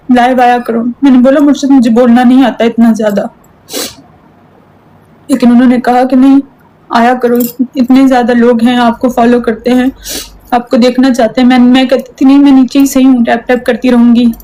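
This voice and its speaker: A woman's voice: a little high, dark tone, rough recording. A young woman on a live stream, talking earnestly and pleadingly and repeating herself. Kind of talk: emotional live-stream chat.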